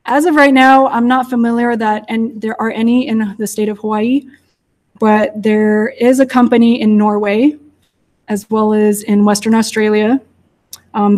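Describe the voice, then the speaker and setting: A young woman from California fields audience questions at a public talk. Her voice sits fairly high, and she answers in a friendly, apologetic way, pausing often on ums. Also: vocal fry, a little mellow. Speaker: invasive species outreach speaker.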